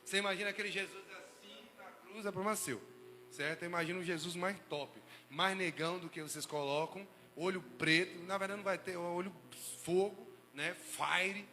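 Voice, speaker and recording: A man pastor with a Brazilian Portuguese accent, preaching a joking sermon that swings from shouts to hushed asides. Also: high-pitched, steady tone, normal speed, long reverb tail, faint music behind.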